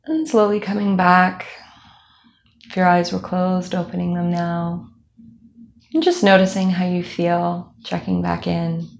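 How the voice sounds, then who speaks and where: Gravelly-voiced woman guiding a meditation. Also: on the low side. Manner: calm, slow guiding with soft fillers. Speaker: movement instructor. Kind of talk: guided meditation.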